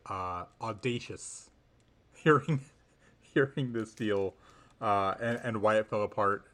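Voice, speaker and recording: Male podcast analyst, somewhat low pitch, casual, halting and thoughtful. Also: fairly bright tone. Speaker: sports podcast co-host.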